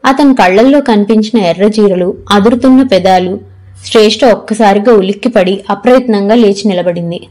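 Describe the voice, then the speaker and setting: A woman's voice: medium pitch, darkish tone, low-quality recording. Woman narrating an audiobook novel.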